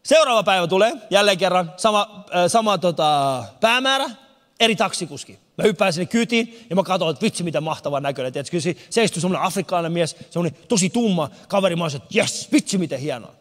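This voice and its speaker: High-voiced male comic in a big hall. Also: animated, a bit bright. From abroad, moved to Finland in 1991. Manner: storytelling, acts out characters' lines. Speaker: stand-up comedian. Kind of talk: stand-up comedy. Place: large concert hall with no audience. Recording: long hall reverb.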